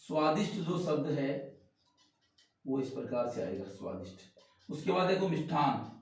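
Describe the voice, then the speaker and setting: A man's voice: a little high, very animated, moderate pace, soft background music. Hindi teacher man in an echoey room. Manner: explains while writing on a board, repeating words. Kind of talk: spelling lesson for exam students. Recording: very echoey room, mic far off.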